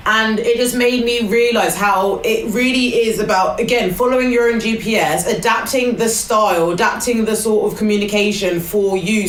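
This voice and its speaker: A woman hosting a podcast, talking casually and playfully with lots of "like" fillers. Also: mid-range voice. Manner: excitable, playful, heavy "like" fillers. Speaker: podcast host. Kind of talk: casual spiritual chat. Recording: roomy and a bit far from the mic, faint noise.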